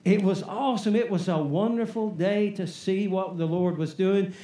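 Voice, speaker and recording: High-pitched emphatic preacher man. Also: normal speed, warm tone. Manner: emphatic, call-and-response preaching with "Amen?". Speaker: pastor. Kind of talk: sermon. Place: church. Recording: echoey church sanctuary.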